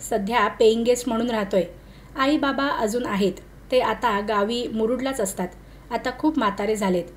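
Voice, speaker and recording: A woman's voice: a little high, moderate pace, slight background noise, close to an everyday voice. A woman reading the lines of a young man, a struggling commercial artist, who answers curtly and grows irritated. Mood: earnest. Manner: protests and snaps in exasperation.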